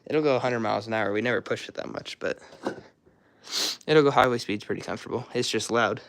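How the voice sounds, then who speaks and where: Young male vlogger, hoarse, rambling and casual; drifts off mid-thought. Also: medium pitch, quick pace, fairly bright tone. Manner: rambling, loose and offhand, trails off mid-sentence. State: hoarse, throat-clearing, coughing. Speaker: car hobbyist showing his garage. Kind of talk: casual walkaround vlog.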